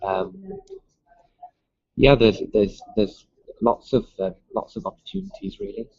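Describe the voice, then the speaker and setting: A man's voice: on the low side, sing-song, a little slow, vocal fry, darkish tone, no echo. A man from Liverpool with a mild Liverpool accent, a music school owner answering interview questions hesitantly, with many ums and restarts. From Liverpool, England. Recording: dull lo-fi sound.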